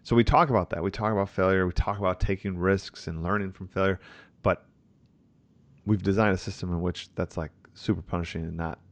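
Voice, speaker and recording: A male host with a very deep, gravelly voice speaks reflectively and enthusiastically, thinking aloud as he goes. The recording is close and dry, with no room sound. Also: fairly even intonation, brisk, dry recording. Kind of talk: conversational commentary.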